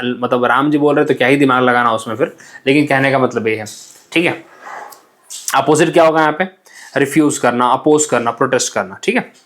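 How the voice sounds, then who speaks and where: Chatty young man teaching vocabulary. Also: fairly high pitch. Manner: chatty, repeats "ठीक है?" and acts out little scenes. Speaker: vocabulary teacher for exam aspirants. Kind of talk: explanatory online lesson in Hindi with English words.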